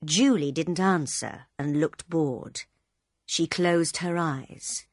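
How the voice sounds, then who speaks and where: A woman reading a simple story aloud, slowly and clearly, as scripted narration. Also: deep voice, a little mellow, dry recording, clean studio sound. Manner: slow, clear graded-reader reading.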